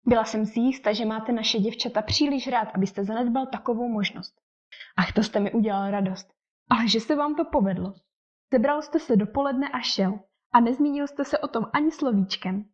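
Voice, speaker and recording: A woman voicing a fussy, excitable middle-aged mother with fretful nerves in an audiobook. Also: fairly high pitch, natural voice. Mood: gushing. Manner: fretful, indignant, gushing. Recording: dull lo-fi recording.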